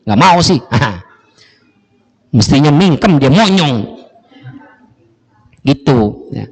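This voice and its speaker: A male preacher giving a lively Ramadan sermon in a mosque, acting out his congregants and drawing out Quran recitation. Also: on the high side, husky. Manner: acts out congregants in quick voices, drawn-out Quran recitation. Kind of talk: Ramadan sermon with comic role-play. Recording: echoey mosque hall.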